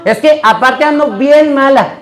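A hoarse man hosting a rowdy live stream at an indoor party, cursing and exclaiming theatrically. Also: very high voice, unhurried, soft background music. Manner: brash, profane, theatrical exclamations.

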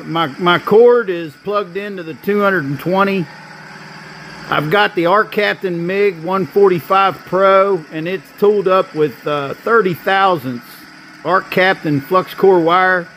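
High-voiced and fairly bright in tone, a man in his fifties runs his own welding channel, walking through his work in plainspoken, practical how-to style with lots of filler words. He's in a welding shop and at an outdoor work site, with slight background noise.

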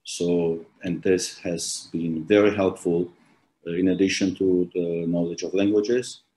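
Deep-voiced man with halting, hesitant delivery. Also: level tone, warm tone, low-quality recording. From Armenia. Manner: hesitant, halting, many restarts and ums. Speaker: author presenting his book. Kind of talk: formal presentation with frequent fillers. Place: small office with plain wall. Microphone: laptop webcam on a video call.

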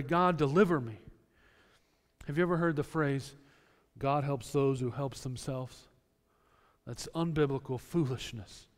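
A male pastor preaches an earnest sermon in a smooth, resonant, slightly high voice with a darkish tone. He explains scripture through homely, everyday examples, and his words echo with the long reverb of a church sanctuary.

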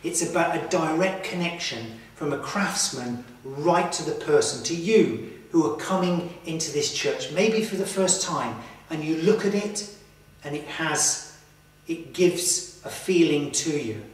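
A man in his thirties presenting to camera in a slow, earnest, reflective way, inside a stone church. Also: on the high side, lively intonation. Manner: slow, earnest, with emphatic pauses. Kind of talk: reflective documentary talk to camera. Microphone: far camera mic. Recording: echoey church from far off.

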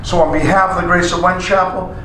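A man's voice: high-pitched, flat delivery, quick pace, a bit bright, a little hiss or hum. A middle-aged man leading a joking wedding ceremony, playful and teasing, calling out vows for the couple to repeat. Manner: playful, teasing, breaks into song. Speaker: wedding officiant in an [name] costume. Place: small wedding chapel. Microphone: handheld mic, far camera. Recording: echoey chapel from far off with guitar.

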